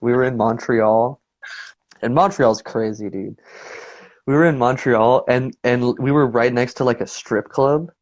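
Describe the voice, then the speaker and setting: A man's voice: mid-range voice, a little slow, darkish tone. Laid-back young guy on a dull call. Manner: laid-back, rambling storyteller with lots of fillers. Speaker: guest musician. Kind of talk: casual interview chat.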